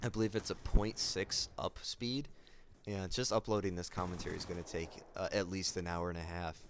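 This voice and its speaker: A young man talking in a casual vlog, subdued and somber, halting with many fillers and restarts. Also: sits low, fairly even intonation, slight background noise. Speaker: gaming YouTuber.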